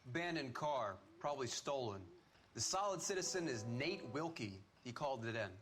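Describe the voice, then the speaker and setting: An actor playing a brisk 1940s beat cop, giving matter-of-fact, slangy police reports in a detective game. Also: male voice, medium pitch, sing-song, a bit bright. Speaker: police patrol officer. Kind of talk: period detective game acting.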